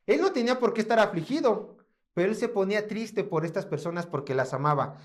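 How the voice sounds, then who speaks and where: A man with a Mexican Spanish accent preaching a sermon, building to emphatic passages and dropping softly for repeated prayers. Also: high-pitched, expressive, a little fast. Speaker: pastor.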